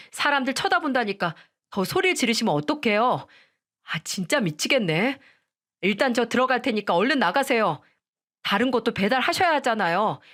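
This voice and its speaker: A woman's voice: on the high side, fairly bright tone. A woman voicing an arrogant young husband who talks in a curt, irritated, condescending way. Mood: impatient.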